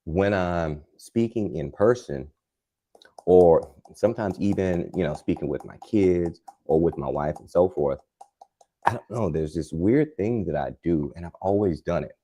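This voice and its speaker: A man with an extremely low voice talks gardening in a live demo. His tone is dark and mellow, and his delivery is calm, unhurried and soothing. He rambles casually with plenty of fillers. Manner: chatty and rambling, with many fillers. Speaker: gardening channel host.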